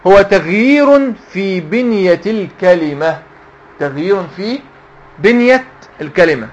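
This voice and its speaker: A man's voice: sits high, animated, a little slow, muffled recording. A man with an Egyptian Arabic accent teaching Quran recitation to a class of young students, constantly asking them questions and waiting for their answers. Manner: quizzes the class with repeated questions, call and response.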